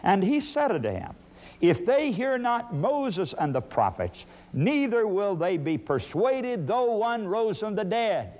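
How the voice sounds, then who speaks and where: A man's voice: high voice, big pitch swings, a little slow, darkish tone. A man preaching a sermon, emphatic, asking and answering his own questions.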